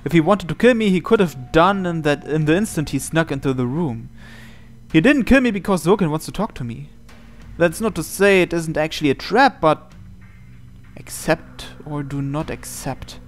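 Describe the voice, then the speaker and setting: Dramatic visual novel narration comes from a gaming channel host whose voice is on the high side and expressive, at an ordinary speed. The game's background music is heard behind him.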